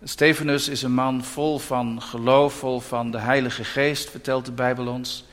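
Guy preaching a sermon, earnest and steady, normal pitch, lots of church echo trailing off. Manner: earnest, measured preaching with Bible readings, warming to animated storytelling. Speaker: pastor.

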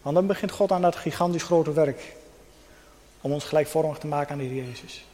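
A man preaching a sermon with personal testimony, earnest, with pauses and soft emphasis. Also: fairly high pitch. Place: church hall. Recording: long hall reverb.

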